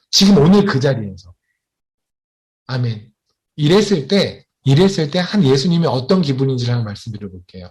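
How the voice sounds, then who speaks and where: A man preaching a sermon as a missionary, who keeps asking his congregation questions and slows down to stress key points. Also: a little high. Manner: animated, asks the congregation questions often.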